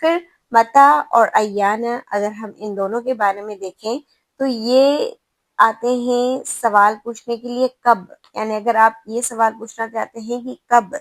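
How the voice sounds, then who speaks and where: A woman with a Pakistani Urdu accent teaches grammar in a slightly high voice. She explains patiently and repeats each example slowly. The sound is close and dry, with no room around it. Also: dry recording.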